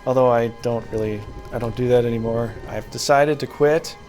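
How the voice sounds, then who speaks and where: A young man streams a game late at night, talking into a desk microphone in a loose, rambling, self-deprecating way about the game and his channel. His mid-range voice is gravelly yet a little mellow, fairly even in intonation and moderately paced, over soft background music.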